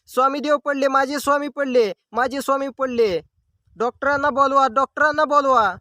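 A frantic old grandmother cries out and pleads, loud and raised in pitch, as a male storyteller puts her on. Her wailing is anguished and insistent. The voice sits dry and close. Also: steady tone, normal speed, dry recording.

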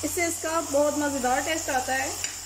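A woman calmly explaining a recipe step by step as a cooking channel host. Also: high-pitched, moderate pace, noisy background. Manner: calm, plain, methodical. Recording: loud frying sizzle behind voice.

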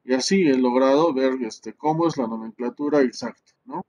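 A man's voice: medium pitch, normal speed, a little mellow, highs cut off. A man teaching networking in a screen-recorded tutorial, thinking aloud, muttering, and tagging his sentences with questions to the class. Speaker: networking instructor.

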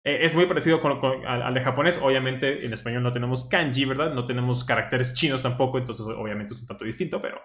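A man who stutters now and then, explaining a study deck in a relaxed, thinking-aloud way. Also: medium pitch, fast, hardly any pauses. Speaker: language teacher reviewing a study deck. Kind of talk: casual explanatory commentary. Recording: roomy echo.

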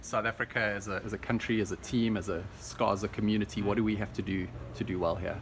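Low male interviewer, noisy event. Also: steady tone, fast talker. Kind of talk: casual on-the-spot interview. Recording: clear background noise, busy event venue.

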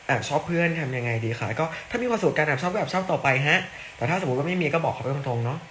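A man's voice: a little high, animated, fast talker, a bit bright, reverberant, slight background noise. A young man from southern Thailand, hosting a casual live stream and answering fan questions in a playful, teasing way. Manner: playful, teasing, jokingly coarse.

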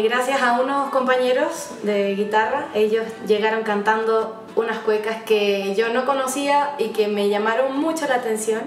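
A Chilean folk singer in her twenties who speaks in a soft, reflective way with frequent pauses, in a documentary interview. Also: a little high. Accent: Chilean Spanish. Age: 20s. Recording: roomy sound from some distance, faint music under it.

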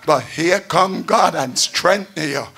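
An older man preaching at a church pulpit, chanting and shouting in a sing-song call-and-response style. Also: on the high side, slow pace, creaky, slightly rough. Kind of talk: chanted Pentecostal sermon. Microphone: pulpit stand mic.

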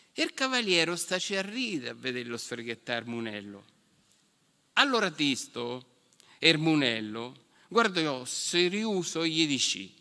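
A man telling a folk tale on stage in a Marche dialect from the Fabriano area, animated and theatrical. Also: on the high side. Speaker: storyteller. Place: stage in an event hall. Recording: reverberant hall.

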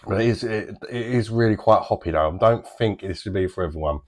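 A man's voice: on the low side, fairly quick, darkish tone. A man in his thirties with a British accent, casually reviewing a beer to camera from a small home bar, chatty and easygoing with plenty of fillers. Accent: British English.

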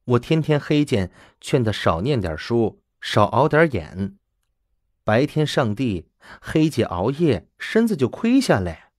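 A man voicing a timid, deferential young bride of nineteen, speaking softly and humbly. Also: medium pitch, sing-song, unhurried, no room sound, clean studio sound. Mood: eager. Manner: soft, humble, eager to please.

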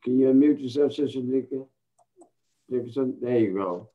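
A man's voice: mid-range voice, moderate pace. A man, a bishop exhorting his congregation from home on a video call. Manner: preacherly, exhorting. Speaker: bishop, pastor. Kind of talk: closing remarks to congregation. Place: home, indoors. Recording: tinny phone-like video call audio.

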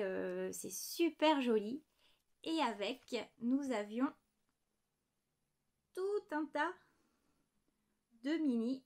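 Sitting at her desk at home, a woman in her thirties hosts a knitting podcast, her voice a bit high. In a casual show-and-tell, she presents little knitting items, apologizing often and lingering on tiny details.

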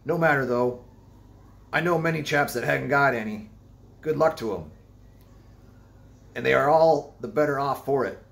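A man's voice: mid-range voice, moderate pace, gravelly, long pauses, fairly bright tone, pitched above the performer's own voice. A man voicing a ragged, wild-eyed old sailor who talks in cryptic, insistent old seafaring dialect. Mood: mocking.

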